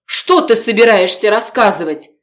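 Audiobook reader: a woman voicing a forceful, insistent man who pleads and shouts. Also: mid-range voice, animated, extremely slow, voice pushed up, heavily acted. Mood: agitated. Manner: forceful, pleading, raising his voice. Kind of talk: audiobook character reading.

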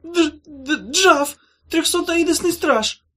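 A woman's voice: high voice, big pitch swings, fairly quick, a little mellow, pitched above the performer's own voice. A woman voicing a cowardly, whiny succubus trapped in a box, stammering and pleading.

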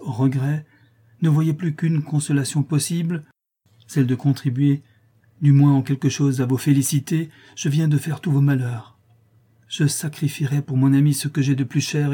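Tender anxious noble marquise, read by a man, soft husky tone, pleads gently. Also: on the high side, pitched above the performer's own voice. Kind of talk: audiobook reading.

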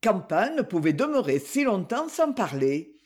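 Man reading an audiobook, high and lively, expressive storytelling. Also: normal speed, breathy edge. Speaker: reader. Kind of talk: audiobook narration.

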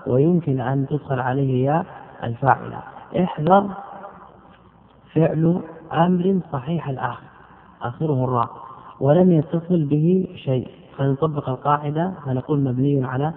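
A man teaching grammar line by line, stretching out example words and putting rhetorical questions to his students. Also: medium pitch. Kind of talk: explaining a grammar poem line by line. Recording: tinny phone-like recording.

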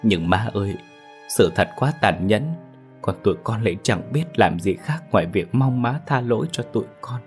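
This is a grown daughter in a storybook ghost tale, tearful and pleading, her voice raised above the storyteller's usual low tone, as a man voices her. Faint music runs underneath. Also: normal speed, long pauses, close to an everyday voice.

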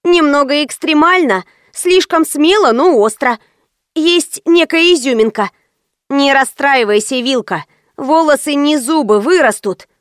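Woman doing a fussy chattery young gal in an audiobook, higher voice, dry sound. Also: lively intonation, no room sound. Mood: fussing. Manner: fussy, quick, eager to please.

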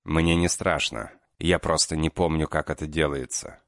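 A man reading an audiobook and voicing a curt, withdrawn young killer in his own very deep voice. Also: fairly even intonation, moderate pace, a bit bright, dry recording, studio quality. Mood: grim. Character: grim young male killer, guilty and terse. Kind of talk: audiobook character voice.

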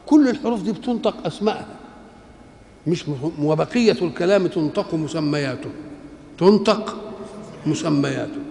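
Speaking with an Egyptian Arabic accent, an older scholar gives a Quran commentary, asking rhetorical questions and answering them in teacherly fashion. His voice runs high, gravelly and a bit mellow. Recorded in an echoey hall, there's faint ambience plus a little hiss or hum.

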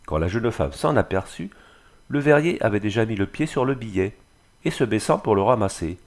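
A man narrating a classic novel in a measured, expressive way. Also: lowish voice. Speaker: audiobook narrator. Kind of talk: scripted literary narration.

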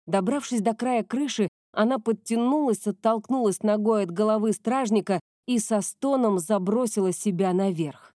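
A woman narrating a fantasy novel as an audiobook in a steady storytelling manner. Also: medium pitch, normal speed, hardly any pauses, dry recording, clean studio sound.

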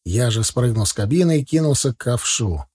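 A man narrating a first-person audiobook in a steady, plain storytelling manner. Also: mid-range voice, a little fast, breathy edge, no echo, clean studio sound.

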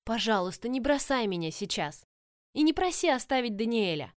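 A woman voicing an impulsive, headstrong young woman in love, speaking insistently in a raised, higher voice in an audiobook. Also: very animated, moderate pace, no room sound, studio quality.

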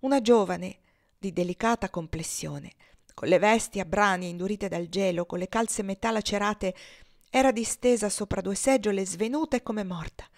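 A woman reads a classic novel aloud at a measured pace, with expressive phrasing. The recording is dry and close, with a mid-range voice and no room sound. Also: mid-range voice, no echo. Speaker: audiobook reader. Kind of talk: literary audiobook narration.

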